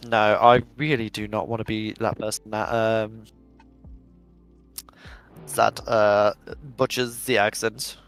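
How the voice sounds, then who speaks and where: A man's voice: on the low side, little pitch movement, slow, long pauses, fairly bright tone, clear, resonant tone, faint music behind. Upbeat male sim-racing commentator. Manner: chatty, upbeat play-by-play, reads out live chat. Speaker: drift race commentator. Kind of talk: live esports commentary.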